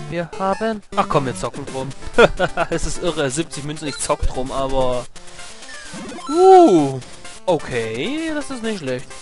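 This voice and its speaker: A young man giving casual gameplay commentary, excitable and chatty, swearing at the game and giving tips to viewers. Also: fairly high pitch. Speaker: let's play commentator. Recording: game music playing behind. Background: video game music.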